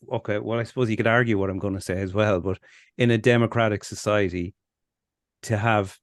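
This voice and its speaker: A rambling Irish man with a lowish voice, swearing and laughing his way through a casual podcast chat. The recording is close and dry, with no room sound around him. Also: no room sound. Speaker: podcast co-host.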